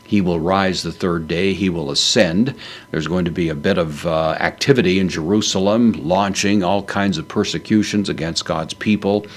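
A man's voice: deep voice, normal speed. A man teaching a Bible lesson, working through a Greek verse word by word in a methodical way with frequent fillers.

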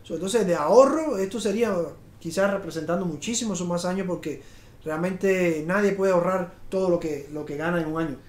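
A middle-aged man with a high-pitched voice talks through money tips as a live video host. He rambles, restarts his sentences and pushes an eager sales pitch. The room around him sounds echoey. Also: brisk. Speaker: realtor and show host. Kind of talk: live video talk on home finance. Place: studio in front of a slide screen.

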